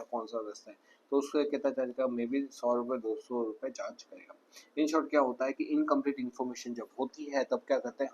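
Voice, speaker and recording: A man's voice: mid-range voice, a little mellow. A male commerce teacher talks through a lecture, posing questions to his students and answering them himself. He hammers key phrases again and again until they stick. The recording sounds a little muffled, with a faint hiss behind him. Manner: calls students "beta". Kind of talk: classroom lecture.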